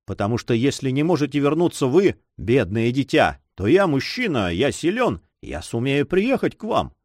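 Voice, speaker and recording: A man's voice: medium pitch, big pitch swings, moderate pace, no echo, clean studio sound. A man reading an earnest young nobleman in love in an audiobook, tender and agitated. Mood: ardent.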